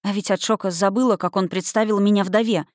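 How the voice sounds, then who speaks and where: A woman's voice: mid-range voice, fairly even intonation, fast talker, no echo, studio quality. A woman reading a first-person novel aloud as audiobook narrator.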